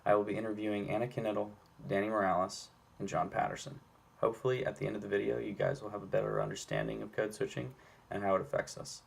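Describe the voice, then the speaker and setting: A man's voice: on the low side, little pitch movement, fast talker, creaky. A young man in his twenties hosting a casual student interview, asking questions with many fillers and restarts.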